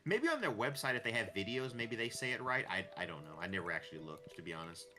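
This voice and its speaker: A man's voice: fairly low pitch, very animated, fast talker, sharp tone. A man giving casual gameplay commentary, thinking aloud and restarting his sentences as he rambles. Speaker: gameplay streamer. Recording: clear music behind the voice.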